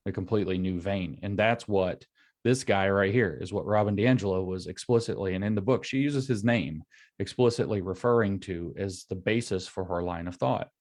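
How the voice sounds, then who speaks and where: Low-voiced man explaining at length. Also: normal speed, darkish tone. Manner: long run-on explanations linked with "and so". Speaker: guest commentator. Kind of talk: explanatory lecture-style talk. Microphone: video call.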